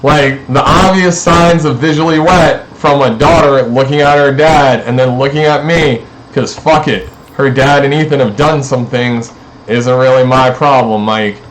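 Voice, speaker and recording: A man's voice: mid-range voice, steady tone, measured pace, low-quality recording. A man in a rambling, profane, accusatory monologue aimed at his neighbors.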